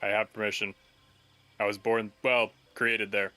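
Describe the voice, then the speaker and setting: Tabletop game golem acted by a man: earnest, polite, formal, lowish and even, forceful. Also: measured pace, no echo. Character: earnest, polite, literal-minded talking golem machine.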